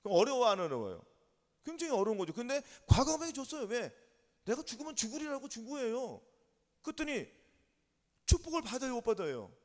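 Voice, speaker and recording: Animated Korean pastor in a reverberant church. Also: male voice, extremely high pitch, brisk, long pauses. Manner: call-and-response questions to the congregation. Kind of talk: sermon. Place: church sanctuary.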